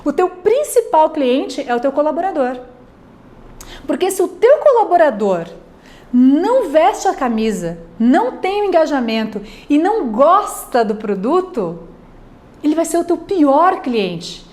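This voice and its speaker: A high-pitched Brazilian woman gives a recorded class lecture. Her intonation rises and falls widely as she checks in with students and acts out quick examples. The delivery is conversational and teacherly. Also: big pitch swings, darkish tone. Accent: Brazilian Portuguese.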